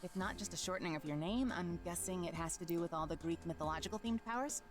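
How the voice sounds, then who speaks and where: Actress: gushing, self-mocking young gamer, lowish voice. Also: female voice, fast, music in the background, lightly acted.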